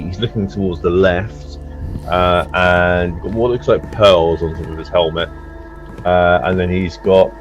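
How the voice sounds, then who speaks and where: A man with a very low voice gives hesitant, halting descriptions during a co-op game. He sounds unsure as he goes, signing off like a radio operator. The sound is a little dull, with faint game music behind him. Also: darkish tone. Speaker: let's play gamer. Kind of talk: co-op game commentary, radio-style relaying of clues.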